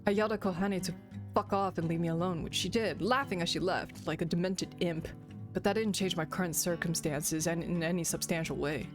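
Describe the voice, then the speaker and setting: Woman, streamer, reads game text aloud, playful asides, lower voice, background music. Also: a little fast. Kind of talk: reading a game aloud and commenting.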